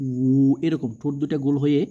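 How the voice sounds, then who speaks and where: A man's voice: flat delivery, fast, mellow, faint music behind. A man teaching Quran reading. He spells out letters and vowel marks one by one, drags out the long vowels and often checks in with his listeners. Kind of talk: slow spelling-out lesson. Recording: muffled low-fidelity audio.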